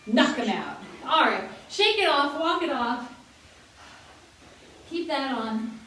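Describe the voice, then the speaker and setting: High-voiced chatty woman exercise instructor. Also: very animated, takes it slowly, a bit bright. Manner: chatty, laughing, counting out moves. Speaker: fitness instructor. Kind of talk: guiding a senior exercise class. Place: fitness room. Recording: very echoey room, mic far off, faint noise.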